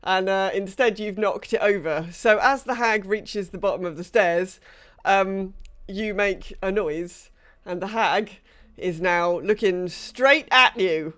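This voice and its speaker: Hesitant woman game master, mid-pitched. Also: slow pace, fairly bright tone. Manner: hesitant, thinking aloud. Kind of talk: casual tabletop game narration.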